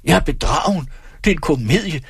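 A man reading aloud, voicing a proud, hot-tempered young man who turns shrill and indignant. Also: breathy edge, dry recording, studio quality. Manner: stiff, reproachful, then shrill outburst.

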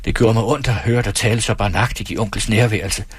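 A man reading aloud, voicing a proud, hot-tempered young man who turns shrill and indignant. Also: fairly even intonation, slightly rough, no room sound. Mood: stiff. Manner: stiff, reproachful, then shrill outburst.

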